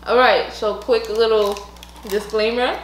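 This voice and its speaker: Female co-host, curious and playful, mid-pitch, echoey room with light hum. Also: fairly even intonation, unhurried. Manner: playful, chatty, asks lots of questions. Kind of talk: casual chat.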